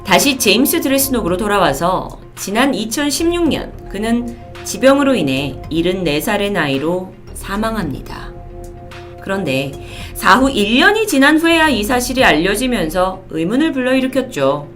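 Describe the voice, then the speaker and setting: A woman's voice: medium pitch, sing-song, moderate pace, fairly bright tone. A woman hosting a storytelling video, explaining events in polite presenter phrasing. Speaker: host of a storytelling video channel. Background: faint music.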